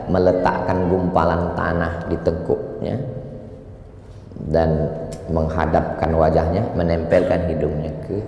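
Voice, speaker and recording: Preacher in a reverberant hall. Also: male voice, a little hiss or hum. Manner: animated storyteller, jumps to high voice for quotes. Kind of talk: sermon. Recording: reverberant hall with faint ambience.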